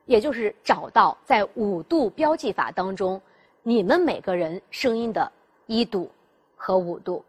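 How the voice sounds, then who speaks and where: A woman's voice: medium pitch, animated, a little slow, breathy edge. A woman teaching pronunciation in a classroom style. She explains step by step, asks the class rhetorical questions and demonstrates the sounds herself. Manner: demonstrates sounds by voicing them. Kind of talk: classroom instruction.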